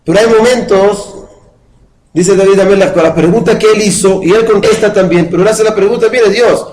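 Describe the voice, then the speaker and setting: Male teacher, fairly high voice, patient lecture style with questions to the class and chanted verses. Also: a little fast, darkish tone, slight background noise, rough recording. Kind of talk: religious study lecture with a live class.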